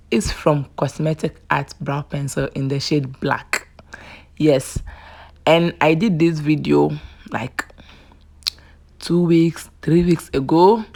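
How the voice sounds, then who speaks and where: Low, gravelly-voiced woman beauty vlogger. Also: a little mellow. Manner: chatty and affectionate, repeats "yes" often. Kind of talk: casual makeup tutorial voice-over.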